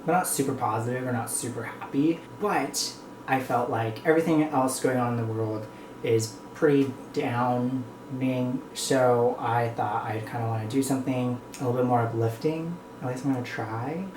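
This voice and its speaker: Between mouthfuls, a North American vlogger rambles to viewers in a relaxed, reflective chat. Their medium-pitched voice moves at a moderate pace, and the recording has room echo with clear background noise.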